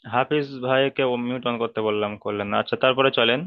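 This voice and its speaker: Male online tutor, smooth resonant voice, patient, repeats each rule, dull call audio. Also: medium pitch, steady tone, no room sound. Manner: patient, repeats rules slowly, drills letter by letter. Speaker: Quran reading teacher. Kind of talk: online class lesson. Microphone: video call.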